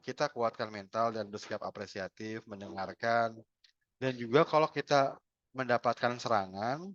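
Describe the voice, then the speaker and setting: A man's voice: medium pitch, no room sound. Man lecturing over a dull call line. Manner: animated, acts out little dialogues. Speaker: health communication trainer. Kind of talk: webinar lecture with acted examples.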